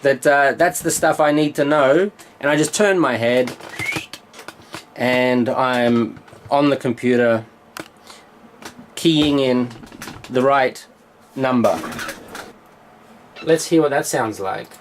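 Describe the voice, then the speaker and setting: A man's voice: medium pitch, takes it slowly, pauses often, slight background noise. A man, a music producer, explaining his mixing steps in a studio tutorial, with frequent "uh"s as he works. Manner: explanatory, with frequent filler sounds.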